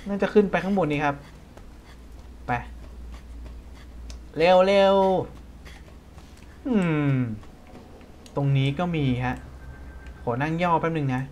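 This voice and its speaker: A man with a Thai accent giving casual, jokey let's-play commentary, breaking into quick startled exclamations. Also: fairly high pitch, slight background noise. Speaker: gaming streamer.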